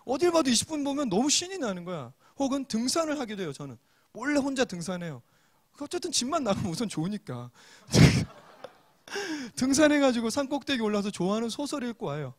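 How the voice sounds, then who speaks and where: A male pastor giving a joking, lively sermon to young adults, acting out quotes with loud exclamations. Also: extremely high pitch, brisk.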